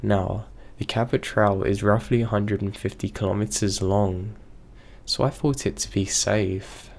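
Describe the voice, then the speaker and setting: A man reads a first-person horror story aloud in a slow, steady storytelling manner. His fairly low, gravelly voice sounds a bit off because he's unwell.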